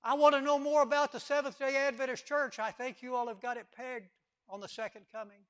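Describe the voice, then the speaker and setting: A man's voice: very high-pitched, steady tone, brisk. A man preaching a sermon with passion, repeating words for emphasis and acting out quotes.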